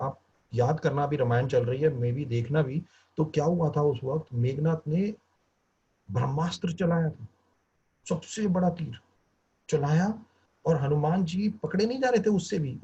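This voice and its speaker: A man's voice: a little high, mellow, slightly rough. A man, a motivational trainer, telling a story and drawing lessons from it, often switching into English phrases, heard over a video call. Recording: muffled lo-fi video call audio.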